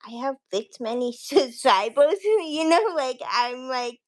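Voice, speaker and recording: A woman with a high voice talks casually on a livestream. She rambles through her anecdotes, quoting remembered exchanges as she goes. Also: animated, slow pace. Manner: rambling, quotes conversations with frequent "like". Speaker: guest, YouTube creator.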